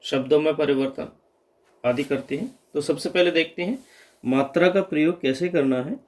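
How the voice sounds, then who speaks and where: A man's voice: a little high, normal speed, darkish tone. A man giving an exam-prep grammar lesson, patiently repeating wrong and correct word forms. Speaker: teacher.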